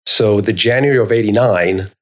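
A man's voice: on the low side, moderate pace. A man in his fifties, born and raised in Romania, telling his story earnestly as a podcast guest. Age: 50s. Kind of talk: casual conversation.

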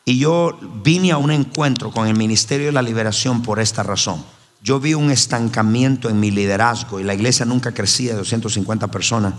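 A man preaching a sermon as pastor, telling stories emphatically with his voice swinging high and low. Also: brisk. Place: church hall. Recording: roomy hall reverb with faint ambience.

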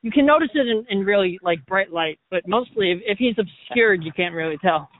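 A man chatting casually as a podcast co-host in a deadpan, teasing way, talking outdoors near a road. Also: high voice, brisk. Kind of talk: casual chat. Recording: tinny, dry phone line.

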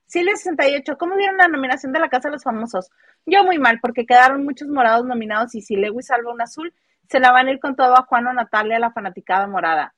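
A woman with a Mexican accent chatting casually about gossip, animated and mimicking people as she talks. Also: high voice, fast talker, no echo. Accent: Mexican Spanish. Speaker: host.

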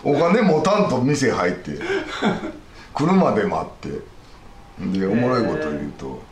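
A man's voice: lowish voice, sing-song, slow pace. An older man from western Hyogo with a Banshu Kansai accent, chatting casually and telling reminiscences. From Banshu, western Hyogo, Japan. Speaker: talk show guest. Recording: roomy echo with clear background noise.

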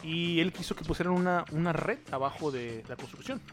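A man's voice: fairly high pitch, fairly quick, music in the background. A man with a northern Mexican accent hosting in casual banter, full of border slang like bro and man. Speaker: show host.

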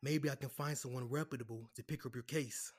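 A man's voice: mid-range voice, fairly even intonation, fairly quick, breathy edge, close to an everyday voice. A man playing a sheepish, defensive lawyer. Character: apologetic male lawyer, defensive. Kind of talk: audio drama acting.

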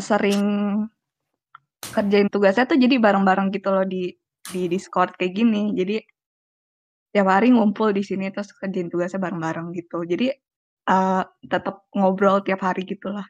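A woman's voice: mid-range voice, little pitch movement, moderate pace, long pauses, dry recording. A young woman in her twenties chats in an easygoing way. Her voice comes through somewhat dull and very dry, with no room sound at all. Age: 20s. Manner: easygoing with small laughs. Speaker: student. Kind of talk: casual chat.

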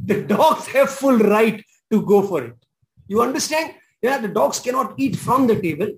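A man's voice: high-pitched, a little hiss or hum, low-quality recording. A man preaching a sermon as pastor, emphatic and repeating his key phrases with exclamations.

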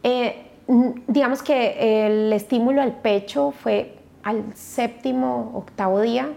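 A woman, a podcast guest and mother, telling her personal story in a halting way with many restarts. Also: fairly high pitch, steady tone, vocal fry, mellow.

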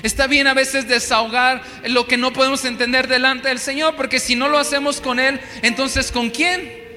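A man's voice: extremely high pitch, steady tone, moderate pace, bright, forceful tone. A man preaching a sermon as a pastor, earnest and repetitive, asking his listeners rhetorical questions. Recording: long hall reverb with faint music.

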